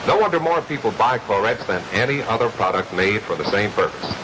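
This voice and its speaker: A man announcing an emphatic, upbeat sales pitch in a 1950s TV commercial, heard through noisy old broadcast audio. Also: expressive, brisk. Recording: hissy old TV soundtrack.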